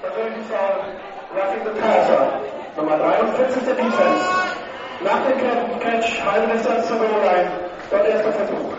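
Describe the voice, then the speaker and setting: Male stadium PA announcer, high voice, booming echo, muffled and distant amid crowd noise. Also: animated, unhurried. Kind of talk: public address announcements.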